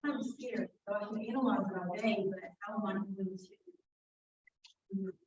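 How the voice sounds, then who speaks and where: A woman's voice: medium pitch, fairly even intonation, moderate pace, darkish tone, echoey room. Woman, landlord, hesitant, broken phrases, dull distant recording, faint background noise. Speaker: landlord asking for advice. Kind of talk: casual conversation.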